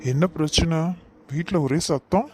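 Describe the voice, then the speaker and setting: A man voicing a gentle young husband who soothes and coaxes his wife, with a Kanyakumari Tamil accent. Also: a little high, measured pace, a little hiss or hum, natural voice. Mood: alarmed. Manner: soothing, coaxing.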